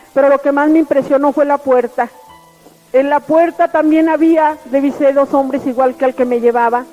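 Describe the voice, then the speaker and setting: High-voiced woman giving testimony. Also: dark tone. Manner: earnest, repetitive storytelling. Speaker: testimony giver. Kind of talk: personal religious testimony. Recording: lo-fi radio broadcast with faint music.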